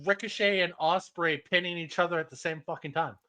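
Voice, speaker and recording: A man's voice: fairly high pitch, a little fast, pushed and bright. A man co-hosting a casual wrestling news podcast, talking bluntly with frequent exasperated swearing. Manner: blunt, profane, exasperated ranting.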